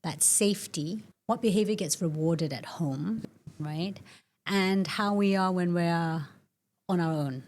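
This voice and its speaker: Middle-aged woman guest from Malaysia, low-pitched, reflective and storytelling. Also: unhurried, a little mellow. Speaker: guest, nervous system coach. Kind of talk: casual interview conversation.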